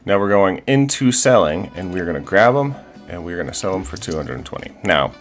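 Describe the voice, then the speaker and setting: A man's voice: low voice, sing-song, a little fast, faint music behind. A man casually commenting over his life-simulation gameplay, chatty and upbeat, with frequent fillers and restarts. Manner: chatty, fillers and restarts, playful pirate talk. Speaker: gaming video host.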